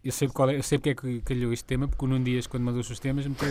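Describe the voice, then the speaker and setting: A man hosting a casual podcast chat, joking and rambling with quick asides. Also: mid-range voice, flat delivery, warm tone.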